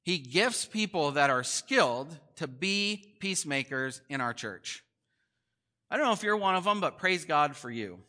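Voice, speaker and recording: Guy pastor preaching, chatty and animated, bright forceful voice, pitch jumps around a lot. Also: normal speed. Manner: conversational, animated, asks the congregation questions. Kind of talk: sermon.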